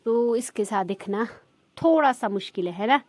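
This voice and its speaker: A woman's voice: on the high side, animated, moderate pace, a little mellow, dry recording. Chatty Himachali woman, dry sound. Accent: Himachali Pahadi Hindi. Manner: chatty, rambling with many fillers. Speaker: village vlogger. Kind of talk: casual chat to viewers.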